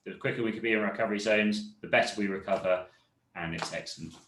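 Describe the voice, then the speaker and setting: A man instructor guiding a seated fitness cool-down, explaining calmly and correcting himself as he goes. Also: fairly low pitch, quick pace, echoey room, a little hiss or hum, rough recording. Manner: calm, explanatory, self-correcting. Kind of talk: leading a seated cool-down class.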